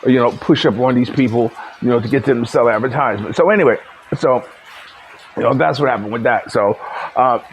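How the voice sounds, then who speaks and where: A man's voice: mid-range voice, fairly quick, a little hiss or hum, low-quality recording. A man vlogging in a casual, rambling storytelling monologue, full of fillers and restarts and chuckling at his own stories. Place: living in the Philippines.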